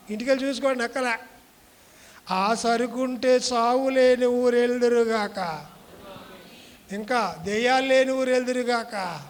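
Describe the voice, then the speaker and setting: A man preaching a sermon, asking the congregation questions as he goes. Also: high voice. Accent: Telugu. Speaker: pastor. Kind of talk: Telugu sermon. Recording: reverberant hall, faint noise.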